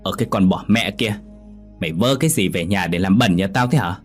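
A man's voice: low-pitched, fairly quick, faint music behind, close to an everyday voice. A man voicing a spiteful, hot-tempered older mother-in-law who scolds and curses shrilly. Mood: scolding.

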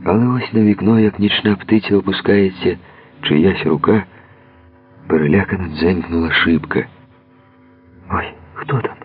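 A man narrates a novel in a measured, expressive literary reading. His very deep, husky voice comes through a tinny, narrow radio recording.

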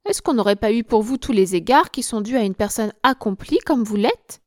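A woman reading the part of a sly middle-aged asylum doctor who speaks with smooth, falsely kind politeness. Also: on the high side, expressive, normal speed, darkish tone, dry recording, studio quality, lightly acted. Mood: wheedling.

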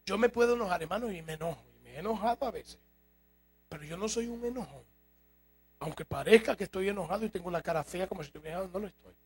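Male pastor, high voice with rasp, emphatic sermon delivery. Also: expressive, fast. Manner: emphatic, rhetorical questions to congregation. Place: church.

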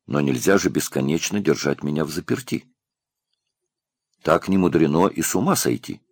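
A man's voice: rumbling low, moderate pace, no echo, studio quality, voice pushed down. A man reading a frustrated confined time traveler. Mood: frustrated, pleading.

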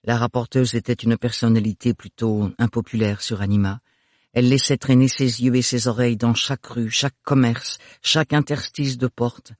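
A man narrating an audiobook in an expressive, animated storytelling way. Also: medium pitch, moderate pace, no room sound, clean studio sound. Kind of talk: scripted narration.

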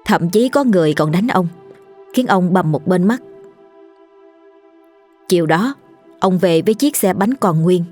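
Low-voiced woman narrating a ghost story. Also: lively intonation, measured pace, pauses often, darkish tone. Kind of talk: scripted horror story narration. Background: faint music.

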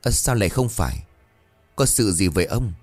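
An anxious older village wife, as a male storyteller puts her on, pressing with worried questions in an audio ghost story. Her voice lifts with concern in a lively lilt. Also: lowish voice, normal speed, dry recording, faint music behind.

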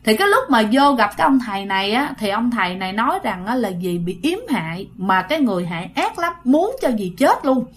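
Lady narrating a ghost story, talks right to listeners, kinda high voice. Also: sing-song, a little fast, few pauses. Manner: chatty, addresses listeners directly.

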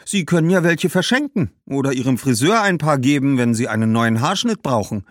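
A man's voice: medium pitch, animated, brisk, no echo, clean studio sound, voice pushed up, lightly acted. A man voicing a friendly, eager young girl from a village, earnest and pleading. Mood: eager bargaining.

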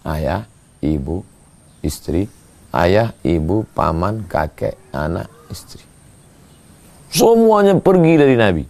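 Male preacher, low and gravelly, shifts from drawn-out chanting to pointed scolding. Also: big pitch swings, a little mellow. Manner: swings from slow drawn-out chanting to quick emphatic scolding. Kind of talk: sermon with Quran recitation.

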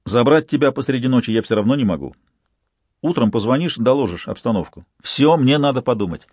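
A man's voice: mid-range voice, lively intonation, brisk, darkish tone, slightly rough, no echo. A man doing a blunt, drowsy young man. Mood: curt. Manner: drowsy, then curt and decisive.

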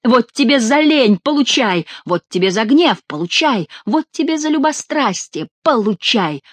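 A woman doing a mocking male jester, loud and high. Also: big pitch swings, a little slow, dry recording. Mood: gleeful scorn. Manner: shouting mockery, gleeful scorn. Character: sharp-tongued vengeful male jester, mocking. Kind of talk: audiobook character reading.

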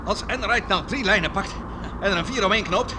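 A man's voice: high-pitched, a little fast, lightly acted. An actor playing a dogged airman in a radio drama, urgently calling out repeated commands and encouragement during a rescue. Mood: determined. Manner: urging, exclaiming, repeating commands. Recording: engine and wind noise behind.

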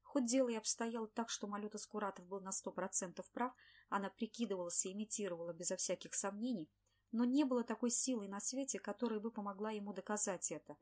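A woman narrating an audiobook in a steady, lightly ironic storytelling manner. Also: medium pitch, quick pace.

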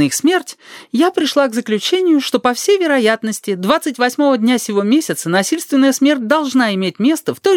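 A stiff, otherworldly young woman, as an audiobook reader puts her on, who lectures in a creaky, grating voice. Her pitch sits far above the reader's own and swings widely, and the sound is close and dry. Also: no echo. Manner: formal, lecturing tone.

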